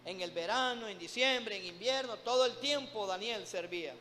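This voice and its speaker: Male preacher, high voice, emphatic sermon, long church reverb, faint music behind. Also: moderate pace, sharp tone. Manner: emphatic, repeatedly calling out "hermano" to the congregation.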